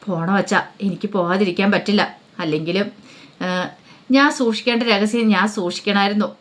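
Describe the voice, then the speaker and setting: A woman voicing a gentle grown daughter in a spoken serial story, soft and pleading, who keeps her sorrows inside. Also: mid-range voice, a little fast, close to an everyday voice. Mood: sad.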